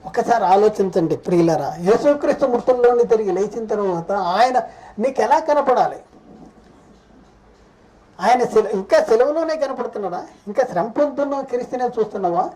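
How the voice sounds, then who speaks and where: A man preaches a sermon, his voice mellow and soft-edged rather than bright. He hammers at his listeners with question after question, pausing and restarting often as he builds each point. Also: high voice, animated, rough recording. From India. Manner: fires repeated rhetorical questions at listeners; halting, with frequent pauses and restarts. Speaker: preacher and Bible teacher.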